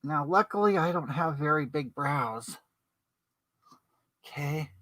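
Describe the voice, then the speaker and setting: This comedic livestream character, a brash older woman doing her makeup, chats and calls out viewers by name. The performer's mid-range voice is animated and a bit bright, taking things slowly, with no echo.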